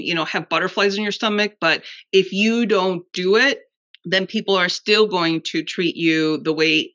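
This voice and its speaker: A woman's voice: low voice, fairly bright tone, muffled recording. A woman in her fifties, a native Spanish speaker, hosting a podcast interview and telling her story earnestly. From United States and Mexico. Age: 50s. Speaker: podcast host. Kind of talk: conversational interview.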